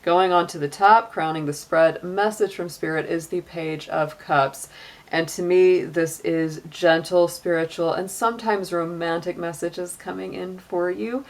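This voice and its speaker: With a lowish voice, fairly even intonation, and a measured pace, a middle-aged tarot reader talks through a casual reading. She laughs frequently and scatters "you know" and "like" throughout her chatty delivery.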